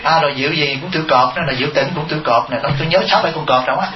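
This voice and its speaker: A man's voice: fairly high pitch, very fast, background noise. A male Buddhist monk giving a humorous dharma talk, asking the audience rhetorical questions and chuckling. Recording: echoey, muffled hall recording.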